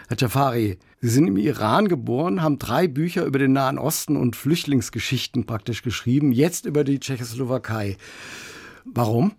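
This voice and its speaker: A male radio host in a studio, introducing and questioning a guest author with a measured, deliberate delivery. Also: medium pitch, lively intonation, creaky, darkish tone, breathy edge, dry recording. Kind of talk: radio interview. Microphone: studio microphone.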